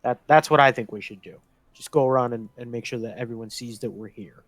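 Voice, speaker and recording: A man's voice: medium pitch, a little fast, no room sound. A man playing a tabletop game, talking in a hesitant, rambling way with lots of fillers. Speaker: player. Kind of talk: casual tabletop play.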